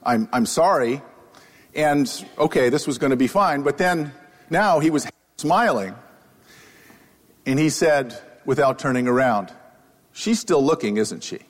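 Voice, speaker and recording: A man's voice: mid-range voice, animated, a little slow, pauses often. A man giving a humorous public lecture as an economist, telling a self-deprecating story on stage with a microphone on. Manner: wry, self-deprecating anecdotal delivery. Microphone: wearing a microphone. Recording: live talk with long hall reverb.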